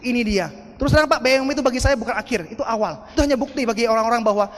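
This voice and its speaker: A man giving a motivational seminar talk in an animated style, often turning to the audience with questions. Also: very high-pitched, rapid-fire. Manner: animated, addresses the audience as "Pak" and asks "betul nggak?". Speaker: motivational speaker. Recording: long hall reverb.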